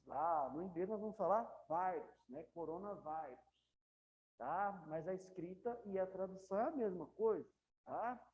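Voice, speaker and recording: A woman's voice: mid-range voice, warm tone. A woman with a Brazilian Portuguese accent teaching an English class in a classroom, chatty and often checking in with her students. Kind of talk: classroom lecture. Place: classroom, also streamed to students at home. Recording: dull lo-fi classroom recording.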